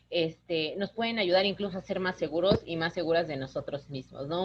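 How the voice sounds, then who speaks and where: A woman, an instructor giving a lively online lecture, talking with her hands. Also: on the low side, dull audio, a little hiss or hum. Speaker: course instructor.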